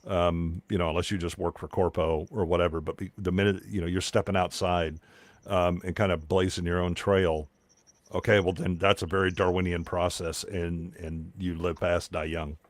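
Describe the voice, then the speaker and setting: A man's voice: sits low, level tone, normal speed, no room sound. A man in a casual chat, laying out arguments through rhetorical questions. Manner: reasoned, asks rhetorical questions.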